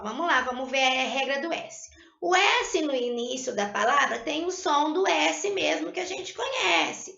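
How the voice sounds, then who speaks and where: A woman teacher giving a recorded spelling lesson, patiently checking in with her students and slowly sounding out syllables. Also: high voice, vocal fry, sharp tone. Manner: patient, tags sentences with "tá?". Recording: lo-fi echoey room.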